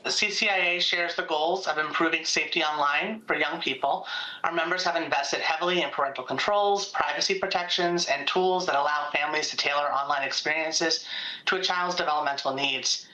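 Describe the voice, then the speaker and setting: A woman's voice: low-pitched, fairly quick, pushed and bright. A woman policy director gives formal testimony over a video call, reading a prepared statement with small stumbles. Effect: heard over a video call. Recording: echoey video call audio.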